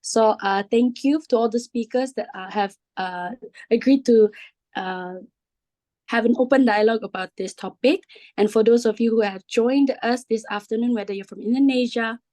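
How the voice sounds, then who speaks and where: Hoarse woman co-hosting. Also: on the high side, dark tone. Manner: friendly, apologetic, chatty. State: losing her voice. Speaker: program officer and co-moderator. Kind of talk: welcoming remarks on a video call.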